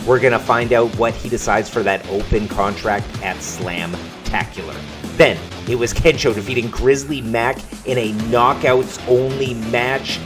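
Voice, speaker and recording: A man calling play-by-play commentary on wrestling matches in a video game, with an energetic calling style and music playing behind. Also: mid-range voice, unhurried.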